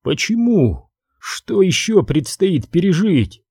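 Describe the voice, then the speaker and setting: A male reader voices a wounded man in a hardboiled audiobook, weak and straining for each word. The delivery is slow and soft, recorded dry and close. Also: high-pitched, big pitch swings, slightly rough, dry recording, pitched above the performer's own voice, full character voice. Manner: faint, strained whisper-like.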